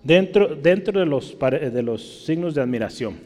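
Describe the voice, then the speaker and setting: A man's voice: a little high, expressive, normal speed, a little mellow. Emphatic preaching man in a reverberant hall. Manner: preaching with rising emphatic peaks and repeated "¿verdad?". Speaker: pastor. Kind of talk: sermon.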